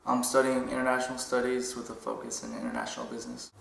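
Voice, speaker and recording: A young man in his twenties answers interview questions casually and a little hesitantly. His voice is strongly gravelly and sits in the middle range. The recording is echoey, with clear background noise. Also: mid-range voice, sing-song, fast. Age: 20s. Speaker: college student interviewee. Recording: noisy, echoey room.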